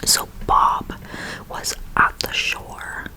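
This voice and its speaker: A woman speaking in a soft, breathy ASMR whisper, telling a rambling personal story and slowly repeating words and phrases. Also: low-quality recording. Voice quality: whispery, mostly unvoiced, with creaky edges. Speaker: ASMR video host.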